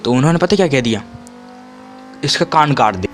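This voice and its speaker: A man's voice: lively intonation, a little fast, faint music behind. A man in his twenties telling childhood stories in a casual, rambling way, often restarting and correcting himself. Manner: acts out quotes with sudden high pitch. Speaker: vlogger. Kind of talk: casual storytelling.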